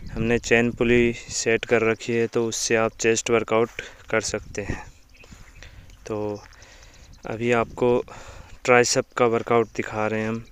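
A man's voice: fairly low pitch, a little hiss or hum. Young man hosting an outdoor gym tour. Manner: chatty, repeats calls to like and subscribe. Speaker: gym owner and vlog host. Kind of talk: casual gym tour narration.

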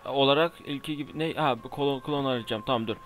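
A man's voice: medium pitch, quick pace. A young man giving casual let's play commentary, exasperated and exclaiming, talking back at enemies on screen. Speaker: gamer. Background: faint game music.

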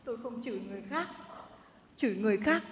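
Defiant young wife, high-pitched, on a reverberant stage; firm, clipped answers. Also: female voice, expressive, normal speed, fairly bright tone. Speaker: stage comedy actress. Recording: stage recording with long hall reverb.

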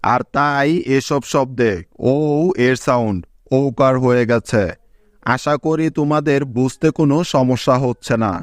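A man teaching English pronunciation rules in a slow, methodical scripted lesson, reading out example words one by one. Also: mid-range voice, steady tone, no echo, clean studio sound.

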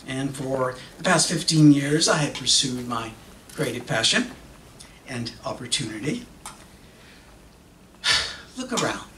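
A man takes the role of an earnest magazine publisher for a staged monologue reading, moving back and forth between English and Spanish. His fairly high voice sounds pushed and bright, with a halting, deliberate delivery in short phrases and pauses. Heard through a lectern stand mic and a distant camera, the auditorium audio is echoey and distant, with background noise.

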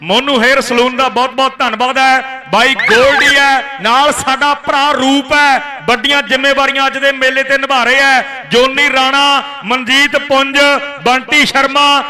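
A man's voice: very high voice, level tone, normal speed. A man with a Punjabi accent doing hearty, declamatory live kabaddi announcing, calling out names and sponsors with folksy flourishes. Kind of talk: live sports announcing, reading out names, sponsors and prize money. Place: outdoor village kabaddi tournament ground. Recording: loud crowd at outdoor ground. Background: crowd noise.

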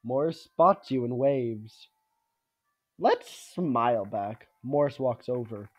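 A man's voice: mid-range voice, takes it slowly, dull audio, soft background music. A man reading a video game's story narration aloud as he plays. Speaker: gaming video creator, player. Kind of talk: scripted narration of game text read aloud.

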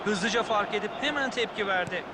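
A man giving measured, explanatory analysis as the second commentator at a football match. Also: sits high, over a noisy crowd, lightly acted. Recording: commentary over loud stadium noise.

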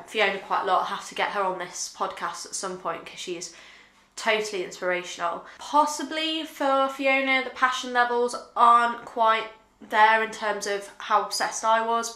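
A young woman talking earnestly and reflectively to camera in a casual vlog, pausing often with fillers, seated on a sofa at home. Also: medium pitch, pushed and bright, echoey room. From United Kingdom. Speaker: vlogger. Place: living room with sofa, indoors.

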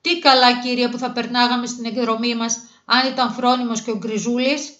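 A woman's voice: on the high side, flat delivery, a bit bright, echoey room, pitched above the performer's own voice, natural voice. A woman voicing a group of eager young schoolchild animals, pleading with their teacher. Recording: dull lo-fi recording.

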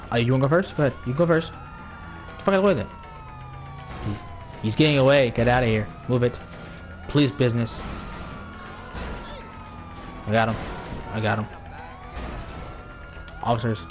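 A man's voice: mid-range voice, a little hiss or hum. A man giving casual, joking gameplay commentary, swearing a lot and laughing as he plays. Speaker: gamer.

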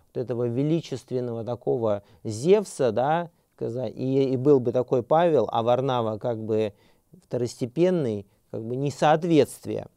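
A middle-aged man teaches a seminary class without a script, pausing on fillers and restarting his sentences as he works through his thoughts. His voice is gravelly and dark, recorded dry with no room sound. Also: medium pitch, no echo. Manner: hesitant, many fillers and restarts, slows to read scripture aloud. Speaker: seminary lecturer. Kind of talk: unscripted academic lecture.

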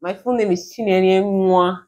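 A woman's voice: medium pitch, steady tone, normal speed, a little mellow, muffled recording. A woman with a Nigerian accent giving casual reaction commentary in a giggly, self-mocking way. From southeastern Nigeria. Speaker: YouTuber.

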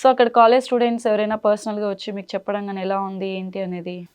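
A woman's voice: mid-range voice, little pitch movement, fast talker, darkish tone, clean tone. A woman interviewing a guest, listening attentively and putting questions to him. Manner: attentive, with many short murmurs of assent.

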